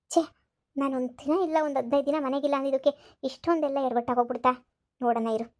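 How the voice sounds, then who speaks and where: Woman doing a scolding old village mother-in-law, high voice, rapid talk, cartoon. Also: a little mellow, natural voice. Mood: muttering. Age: older. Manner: bossy, scolding, repeats herself. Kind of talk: cartoon voice acting.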